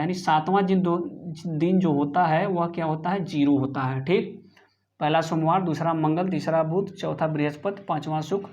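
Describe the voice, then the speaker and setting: A man's voice: on the high side, a little mellow. Hindi-speaking male teacher on muffled audio. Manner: repeats his own questions and answers them; counts through steps of the working aloud. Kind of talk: exam-prep math lesson. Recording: slightly muffled lo-fi sound.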